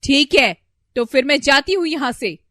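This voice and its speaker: A defiant, sharp-tongued young daughter-in-law in a storybook cartoon, as a woman plays her. Her voice is high and lively, and she talks loud and commanding. The sound is close and dry. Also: moderate pace, no room sound. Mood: defiant scolding.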